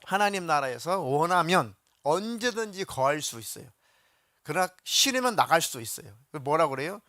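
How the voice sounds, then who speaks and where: A male pastor giving a lively sermon, acting out quotes in voices and putting questions to the congregation. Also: fairly high pitch, a little fast, no room sound, clean studio sound. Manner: animated, acts out biblical quotes in voices.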